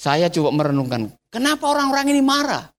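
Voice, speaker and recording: A man pastor giving a radio sermon, animated and full of rhetorical questions, raising his voice sharply when he acts out a crowd. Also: sits high, fast talker. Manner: raises his voice sharply to act out shouting crowds.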